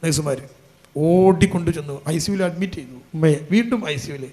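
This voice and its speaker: High-pitched guy giving an emotional sermon, tells stories then pushes hard. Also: fairly quick, mellow. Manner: emotional storytelling, rising to emphatic appeals. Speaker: Islamic preacher.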